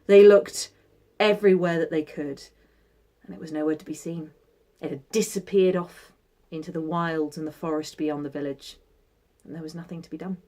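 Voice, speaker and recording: A woman telling a folktale expressively, with dramatic pauses and emphasis. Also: sits low, fairly even intonation, mellow. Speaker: storyteller. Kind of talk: expressive oral storytelling.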